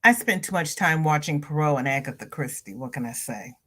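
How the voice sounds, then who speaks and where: A crochet channel host chats casually on her livestream and reads viewer comments, sounding stuffy-nosed. She greets viewers by name with high, bright lifts in her voice, speaking briskly with lively intonation.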